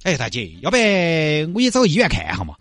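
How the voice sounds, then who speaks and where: A man's voice: fairly high pitch, wildly swooping pitch, fast talker, fairly bright tone, no echo, faint music behind. A man voicing a kindly, fussing middle-aged bus driver with a Sichuanese accent who coaxes and chatters. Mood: coaxing.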